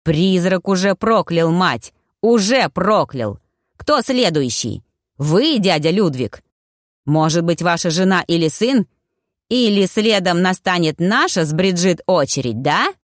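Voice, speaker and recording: A woman's voice: fairly low pitch, lively intonation, measured pace, no room sound, clean studio sound. A woman reading an audiobook, voicing a sarcastic, defiant young man who mocks his family. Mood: angry. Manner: mocking, biting, scornful.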